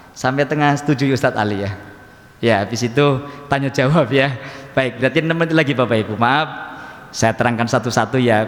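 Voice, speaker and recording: A man's voice: mid-range voice, fairly bright tone. Guy teaching a mosque class, chatty, mimics accents, big echo. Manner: conversational, addresses audience as Bapak Ibu, mimics regional pronunciations. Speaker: ustadz teaching a mosque study group. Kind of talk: religious lesson. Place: mosque hall. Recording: echoey mosque hall reverb.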